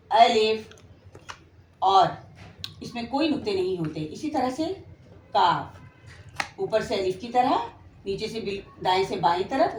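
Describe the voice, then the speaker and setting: A medium-pitched woman's voice, with a little background noise, leads a slow beginner lesson on Quranic letters, spelling them out one by one. She speaks with a Pakistani Urdu accent and patiently draws out every letter name for her students to repeat. It sounds like an echoey room with faint ambience behind her.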